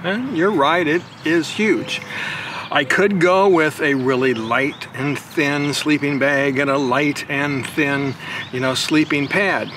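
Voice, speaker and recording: Steady and unhurried, an older man's slightly high voice explains his camping gear one step at a time in a backyard. He's a motorcycle vlogger who chats casually and repeats "again" and "right" often, with noise in the background.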